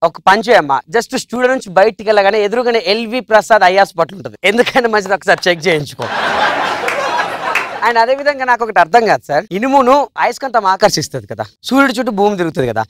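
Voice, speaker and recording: Fast-talking stand-up comedian. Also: male voice, high voice, animated, fairly bright tone. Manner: rapid storytelling, switches into quoted voices. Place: TV studio stage.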